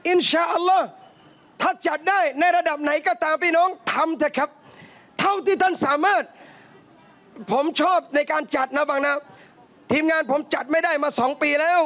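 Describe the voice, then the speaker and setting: A man with a strikingly high voice preaches a lively sermon to a live audience, telling animated stories. He keeps turning to his listeners as brothers and sisters. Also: moderate pace, long pauses. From southern Thailand. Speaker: Islamic preacher. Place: cafe hall, live talk.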